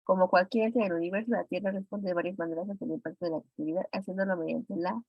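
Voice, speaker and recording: A woman's voice: lowish voice, steady tone, fast talker, no room sound. A woman teacher with a Mexican Spanish accent explains exam answers one by one and turns to her students with questions. The sound is dry and a little muffled, as if from a modest mic. She keeps a patient, methodical teaching rhythm. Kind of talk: classroom exam review.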